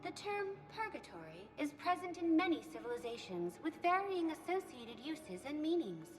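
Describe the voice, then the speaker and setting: Calm, lilting guide computer. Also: female voice, high voice, faint music behind. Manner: polite, measured information-desk delivery. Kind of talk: video game voice acting.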